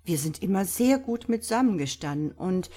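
A gentle little priest murmurs his answers with calm patience, read by a woman. The voice sits low and soft, never rising to argue. It has the unhurried musing tone of a storybook sleuth. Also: slightly rough. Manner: quiet, mild, musing. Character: calm, thoughtful small old male priest.

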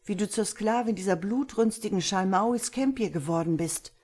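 A woman's voice: medium pitch, normal speed, darkish tone, breathy edge, natural voice. Woman voicing a humble young orphan boy. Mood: earnest. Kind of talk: audiobook reading.

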